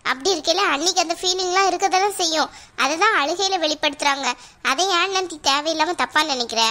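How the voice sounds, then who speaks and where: A woman's voice: very high-pitched, fast, bright, forceful tone. A woman voicing an earnest, protective younger sister who worries over her injured brother, in a cartoon. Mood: concerned. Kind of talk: cartoon voice acting.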